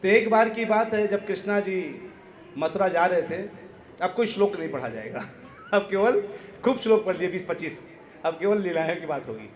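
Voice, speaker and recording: A man's voice: high voice, lively intonation, moderate pace, echoey room. A man giving a devotional discourse to a live audience, quizzing his listeners and laughing often as he teaches. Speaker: spiritual preacher.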